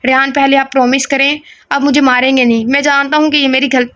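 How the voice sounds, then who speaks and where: A woman's voice: high voice, little pitch movement, quick pace, fairly bright tone. A woman reading the part of a timid, tearful young woman who pleads hesitantly. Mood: pleading.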